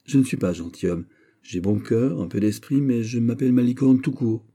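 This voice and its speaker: A man's voice: medium pitch, moderate pace, dark tone, voice pushed up, lightly acted. A man reading an audiobook voices a modest young commoner, polite and deferential in manner.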